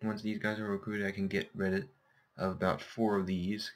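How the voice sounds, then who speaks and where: Here a gameplay host speaks at a moderate pace in a lowish, level voice that sounds a bit scratchy and sore-throated. His commentary is casual, and he muses aloud, revising what he says as he goes.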